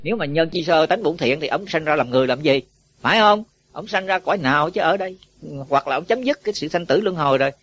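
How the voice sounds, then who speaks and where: A man's voice: a little high, lively intonation, fast, a bit bright. A man, a Buddhist monk teacher giving a folksy dharma talk to monks, often asking them questions. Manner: folksy, asks listeners questions. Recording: dull lo-fi recording.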